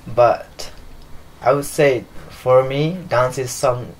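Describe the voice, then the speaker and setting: A man's voice: mid-range voice, steady tone, slow, slight background noise, poor audio. A young man from Nepal, a dancer and choreographer, answering interview questions in a loose, filler-heavy way while seated in a living room. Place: living room with leather sofas.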